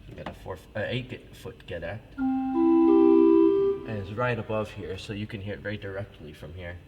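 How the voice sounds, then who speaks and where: A man's voice: fairly low pitch, normal speed, narrow, tinny audio. A man casually demonstrating church organ stops at the console, talking informally with many restarts and fillers. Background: loud pipe organ playing.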